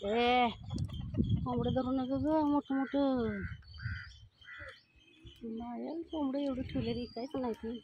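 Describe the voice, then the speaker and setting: A woman's voice: high voice, steady tone, slow, long pauses, lo-fi sound, background noise. A woman walking through a village lane while filming a casual vlog, calling out to animals and chatting with neighbours. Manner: calls out loudly to cats and hens, chats with neighbours. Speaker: village vlogger.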